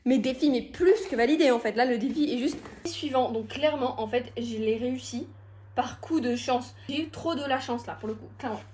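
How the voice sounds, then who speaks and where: A young woman with a high, light voice chats casually through a home challenge vlog. She mocks herself and laughs easily. A faint background hiss sits under the recording. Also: fairly quick, darkish tone. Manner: chatty, self-mocking, bursts of laughter. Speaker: vlogger.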